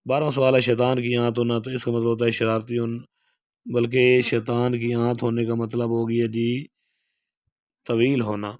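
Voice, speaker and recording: A man's voice: medium pitch, dry recording, studio quality. A man, teaching an exam-prep lesson, reading each question and then explaining the answer. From Pakistan. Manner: steady explanatory delivery, reads question then gives answer. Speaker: Urdu lecturer. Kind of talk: exam prep lecture going through model paper answers.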